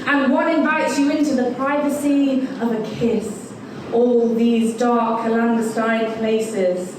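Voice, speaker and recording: A woman performing a live poetry reading at a bar event, with an expressive, dramatic delivery. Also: sits high. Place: bar event space, indoors. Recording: echoey room from far off, noisy ambience.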